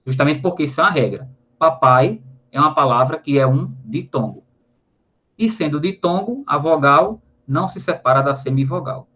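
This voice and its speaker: A man's voice: on the high side, lively intonation, normal speed, fairly bright tone. A Brazilian man with a Brazilian Portuguese accent, a teacher explaining grammar in a recorded online lesson, often adding tag questions and spelling out syllables. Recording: slightly dull lo-fi audio.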